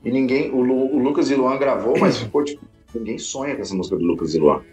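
A man, a guest viola player, telling a story in an animated, slangy, casual way. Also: medium pitch, soft background music. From Brazil. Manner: animated, slangy, talks fast.

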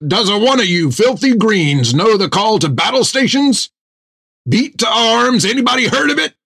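A man voicing a gruff, furious pirate first mate with a mechanical leg, bellowing at his crew. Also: sits high, expressive, normal speed, a bit bright, no room sound, clean studio sound, pitched above the performer's own voice, full character voice. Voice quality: bellowing, rough.

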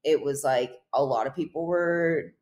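A woman's voice: low-pitched, measured pace. A woman in her thirties from Hawaii, a guest talking casually in an interview, rambling with lots of "like". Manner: relaxed, rambling, heavy use of "like". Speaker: guest, pro surfer.

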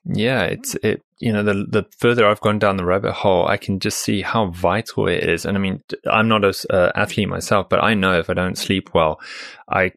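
Gravelly-voiced male podcast host. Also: low voice, fairly even intonation, a bit bright, dry recording, studio quality. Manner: casual, halting, many restarts. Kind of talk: podcast interview.

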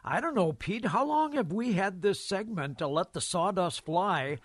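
A man's voice: sits high, animated, normal speed, fairly bright tone, slightly rough, no room sound. A man hosting a radio talk show in a genial manner. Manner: genial, laughing easily.

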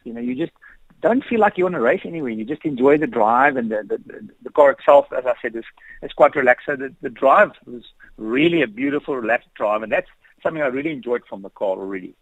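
A man with a croaky morning voice, chatting easygoing as a motoring guest on a radio interview, full of fillers. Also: medium pitch, dry recording, highs cut off. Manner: easygoing, rambling, frequent fillers. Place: at home on a couch.

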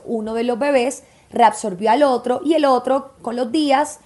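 A woman's voice: a little high, darkish tone. A woman in her thirties hosting a podcast, telling a personal story in a candid, emotional way. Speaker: podcast host.

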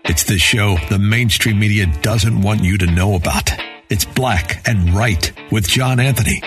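A man's voice: on the low side, a little slow. A man reading a scripted radio promo as a station announcer. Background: loud guitar music.

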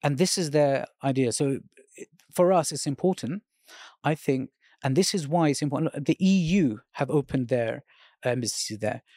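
A man's voice: medium pitch, normal speed, warm tone, dry recording, clean studio sound. Earnest man giving a long interview answer. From Britain. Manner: earnest, retells conversations at length. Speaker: interview guest.

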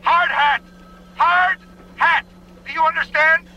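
Goofy radio caller, very high-pitched, heard through a two-way radio, keeps saying his call sign. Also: fairly even intonation, takes it slowly, sharp tone, muffled recording, a little hiss or hum, exaggerated voice. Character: goofy high-voiced man calling a radio dispatcher. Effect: heard over a two-way radio.

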